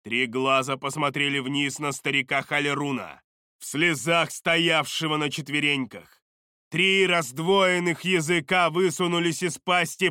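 Male audiobook narrator, bright and slightly high, dry close sound, measured dramatic fantasy reading. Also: smooth, dry recording.

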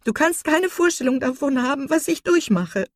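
A woman's voice: high voice, animated, normal speed, no echo, clean studio sound, voice pushed up. A woman playing a distraught, sobbing young woman. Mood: desperate. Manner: desperate, pleading, sobbing outbursts.

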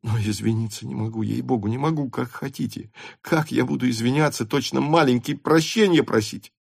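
A man acting out a young count serving as an officer, proud yet flustered, pleading in halting bursts. The voice is raised higher than the reader's own, close and dry. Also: no echo.

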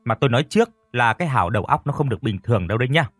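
A man's voice: mid-range voice, lively intonation, rapid-fire, husky, dry recording, soft background music. A man doing a blunt village elder.

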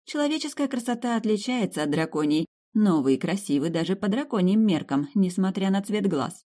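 A woman voicing a young noble dragon countess in an audiobook, soft, candid and a little shy. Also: mid-range voice, lively intonation, a little fast, pitched above the performer's own voice, lightly acted.

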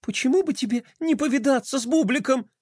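A man voicing a skeptical young skateboarding girl in a children's story, with a scoffing, excitable way of talking. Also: sits high, normal speed, dry recording, studio quality, voice pushed up.

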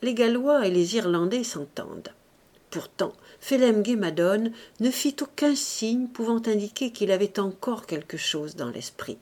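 Woman audiobook narrator, deliberate, expressive, lively pitch, unhurried. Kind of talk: literary audiobook reading.

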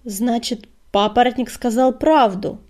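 A woman's voice: fairly high pitch, brisk, natural voice. A woman voicing a fierce, hot-tempered male warrior cat who roars and snarls his lines in a storybook reading. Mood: angry. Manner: loud, snarling, forceful.

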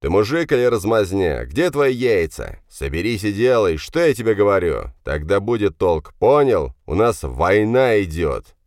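Man playing a gruff growly clan boss dad, harsh and commanding, deep voice. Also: lively intonation, normal speed, hardly any pauses, no echo, studio quality. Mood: angry. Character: stern middle-aged clan head, growling father.

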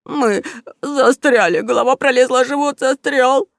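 A woman voicing a cowardly mustached male thief in a children's audiobook, high, shrill and panicky. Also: moderate pace, no room sound, clean studio sound. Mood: whining.

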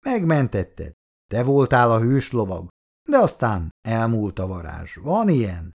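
A man voicing a jovial army lieutenant who teases his friend loudly and heartily in an audiobook. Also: mid-range voice, huge pitch swings, vocal fry, full character voice. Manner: loud, mocking, hearty. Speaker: platoon lieutenant.

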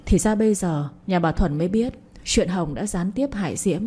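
Mellow, husky female storyteller. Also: fairly low pitch. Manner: measured, commenting on events. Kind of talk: narrated moralizing story.

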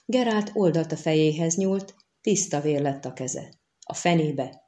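A woman narrating a fantasy novel with steady storytelling. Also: deep voice. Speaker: audiobook narrator. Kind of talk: scripted narration.

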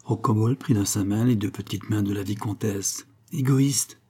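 A man narrating a classic novel as an audiobook, with an even storytelling delivery. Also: on the low side, fairly quick, husky. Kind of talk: scripted narration.

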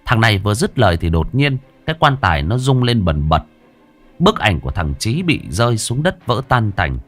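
A man's voice: fairly low pitch, very animated, moderate pace, faint music behind. A man, narrating a ghost story in a crude, colloquial way.

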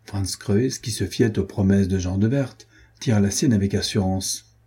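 Male audiobook narrator, husky and mellow, measured delivery. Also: lowish voice. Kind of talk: scripted narration of a classic novel.

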